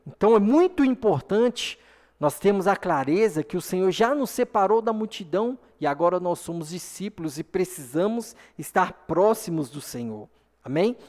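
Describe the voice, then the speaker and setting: A man with a Brazilian accent preaching an earnest sermon to a congregation, often asking for an "amen". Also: sits high. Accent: Brazilian Portuguese. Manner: earnest, repeats "amém?" to the congregation. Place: church hall. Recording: long hall reverb.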